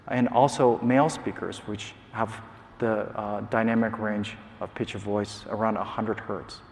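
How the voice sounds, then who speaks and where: Man lecturing in a reverberant hall. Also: fairly low pitch. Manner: measured, explanatory, occasional filler sounds. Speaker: scientist giving a prize lecture. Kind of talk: academic lecture. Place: large conference hall.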